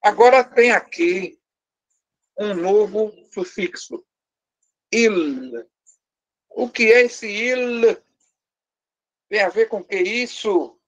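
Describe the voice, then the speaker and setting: A man's voice: high-pitched, lively intonation, very slow, pauses often. A man with a Brazilian Portuguese accent teaching a live class, explaining step by step, quizzing his students and joking with them. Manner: lightly teasing, joking with the class. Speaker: language teacher.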